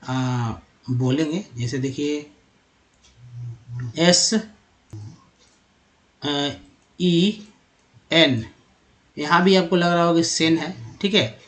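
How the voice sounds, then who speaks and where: A man teaching English from India, explaining over slides in a patient way, repeating sounds slowly with many fillers. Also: fairly high pitch, steady tone, fairly bright tone.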